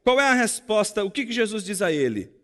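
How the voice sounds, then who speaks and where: A man with a Brazilian Portuguese accent preaching a sermon in a church, swinging dramatically between loud emphasis and hushed tones. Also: sits high, sing-song, fairly quick. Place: church sanctuary. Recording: echoey church hall.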